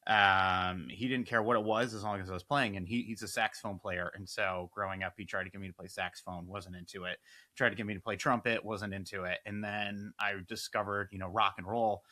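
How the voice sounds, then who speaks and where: A man with a bright, forceful voice talks as a guest on a remote interview. He tells long stories casually, tripping over restarts and fillers as he goes. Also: fairly low pitch, fairly quick. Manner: lively, rambling, many fillers and restarts. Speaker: guest filmmaker and musician.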